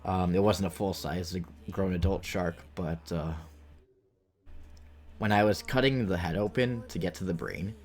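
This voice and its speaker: Music runs under a low, darkish voice as a man in his late twenties talks with viewers during a game stream at normal speed. His chat is rambling and full of anecdotes, and he acts out the remarks he quotes.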